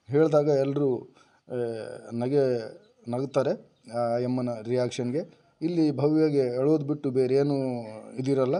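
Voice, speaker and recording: A man's voice: mid-range voice, warm tone, no room sound. A man giving reality show commentary, lecturing and scolding a contestant directly.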